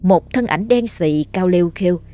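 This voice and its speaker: Woman storyteller with a lower voice, steady and dramatic horror narration over soft music. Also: normal speed.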